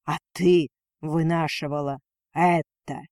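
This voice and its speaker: Man voicing a cruel dragon lord, slow and commanding. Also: fairly high pitch, steady tone, a little mellow, no room sound, clean studio sound. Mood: contemptuous. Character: cold cruel male dragon lord, domineering.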